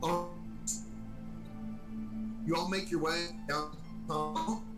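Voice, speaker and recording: A man narrating as game master over an online call, his voice breaking up and going robotic from a bad connection, halting with many fillers. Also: fairly high pitch, flat delivery, reverberant, loud music behind the voice. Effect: breaking-up, robotic bad internet connection.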